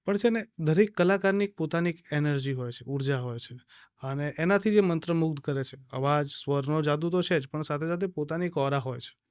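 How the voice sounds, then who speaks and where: A man from Gujarat hosts a studio podcast, posing thoughtful questions with formal, complimentary phrasing. His voice sits a touch high and sounds smooth and resonant. The recording is close and dry. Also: a little fast, dry recording. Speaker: podcast host. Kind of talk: interview questions. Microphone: studio podcast mic.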